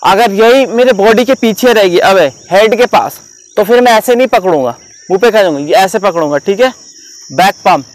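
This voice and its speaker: A man's voice: high-pitched, normal speed, poor audio. A male cricket coach giving an outdoor fielding demonstration to a group of students. He explains step by step and keeps checking whether they have understood. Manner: instructive, repeatedly checks understanding.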